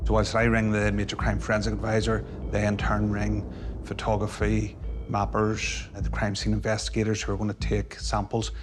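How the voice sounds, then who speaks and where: A man, a police detective, explaining an investigation in a measured, procedural way for a documentary. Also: fairly low pitch, completely flat delivery. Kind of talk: documentary interview. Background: music.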